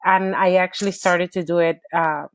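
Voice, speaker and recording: As a guest on a podcast, a Peruvian woman with a Peruvian Spanish accent talks upbeat about her entertainment business, frequently restarting sentences. Her voice is on the low side with fairly even intonation and moderate pace, recorded in studio quality with no echo.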